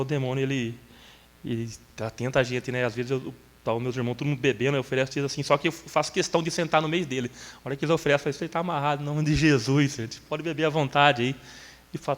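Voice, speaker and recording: Middle-aged guy telling his church testimony, earnest and emotional, slightly high voice, echoey hall. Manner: earnest, storytelling, breaks into tears and shouts when moved. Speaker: church member giving testimony.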